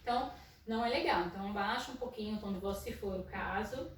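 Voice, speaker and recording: A Brazilian woman, a psychologist, talking casually about school inclusion in her naturally loud voice. She tells stories and keeps tagging her sentences with "né?". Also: mid-range voice, quick pace, a little hiss or hum. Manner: storytelling with frequent "né?" tags and soft laughs. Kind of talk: casual educational talk. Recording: echoey room, mic at a distance.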